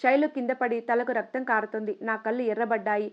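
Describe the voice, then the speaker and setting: A woman narrating a first-person story in a steady, even reading voice. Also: a little high, a little fast, dull audio.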